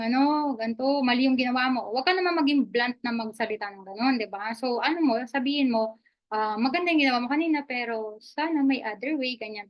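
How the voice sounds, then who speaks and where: An upbeat woman presenting live to an online audience. Her voice sits a little high, and she talks in a chatty, encouraging way. She checks in with her listeners constantly and laughs easily. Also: a bit bright. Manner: chatty, mixes English and Tagalog, often asks "di ba?". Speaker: affiliate marketing presenter.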